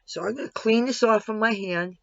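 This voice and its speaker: A man with a slightly gravelly voice giving a casual makeup tutorial, narrating each step and adding candid asides. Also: high-pitched, a little fast, fairly bright tone, no echo. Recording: dull, lo-fi sound.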